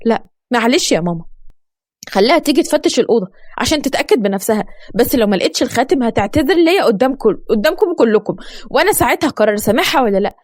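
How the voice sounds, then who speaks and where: A woman's voice: a little high, expressive, very fast, no echo, clean studio sound. A woman voicing a proud young maid who defends herself insistently, in Egyptian Arabic. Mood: defiant. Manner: defiant, insistent.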